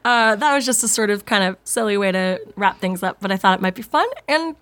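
A woman's voice: medium pitch, fairly bright tone. A woman hosting a podcast, chatting casually and reading online stories aloud in an informal, self-amused manner. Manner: chatty, informal, quick to giggle at herself. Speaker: podcast host.

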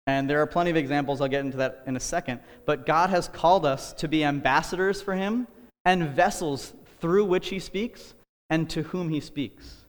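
A man's voice: on the high side, normal speed. Earnest man preaching in a reverberant hall. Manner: earnest, conversational, with frequent fillers and asides. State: out of breath. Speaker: podcast host preaching. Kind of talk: casual sermon-style teaching.

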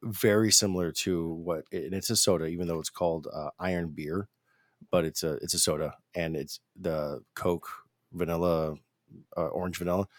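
A man's voice: low voice, steady tone, moderate pace, dry recording. A man from the United States cohosting a podcast, chatting in an easygoing way with a lot of fillers. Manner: laid-back, easygoing, lots of fillers. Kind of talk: casual podcast chat.

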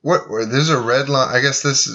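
A man's voice: medium pitch, moderate pace, pushed and bright, dull audio. A man hosting a casual podcast chat, rambling and joking. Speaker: podcast host.

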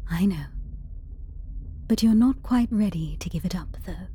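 A woman playing a wry, teasing companion sharing a quiet drink in an audio drama. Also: on the low side, measured pace, slightly rough. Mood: wry amusement.

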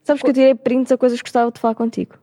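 A woman's voice: high-pitched, racing. A young adult woman with a European Portuguese accent, co-hosting a casual podcast chat and telling stories with acted-out dialogue. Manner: animated storyteller, acts out dialogue. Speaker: podcast co-host.

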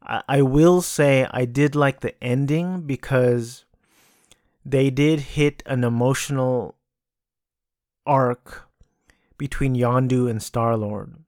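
A man's voice: mid-range voice, slow pace, a little mellow, no room sound, clean studio sound. A man hosting a casual solo podcast from a cluttered room at home. He rambles and restarts his sentences often, with plenty of filler. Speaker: podcast host. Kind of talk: casual solo movie talk.

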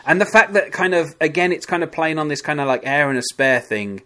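A man's voice: a little high, expressive, fairly quick, bright, forceful tone. A man co-hosting a podcast, chatting casually and hesitantly, full of "kind of" and restarts. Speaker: podcast co-host. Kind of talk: casual chat.

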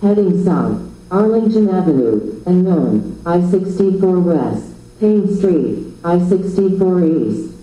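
A high-pitched synthetic male navigation voice plays from a phone speaker held away from the mic, and it sounds echoey in the room. It is slow and even, with a dark, muffled tone. It reads street names and headings one after another. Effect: synthetic navigation voice played from a phone speaker held away from the mic.

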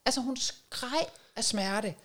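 A woman's voice: fairly high pitch, animated, fairly bright tone. A woman reflecting on caring for a sick child in a conversational interview, thinking aloud with frequent fillers.

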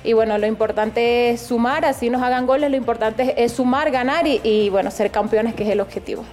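Higher-voiced Venezuelan woman, athlete interview. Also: fairly quick. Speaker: football goalkeeper. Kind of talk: press interview answer. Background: music.

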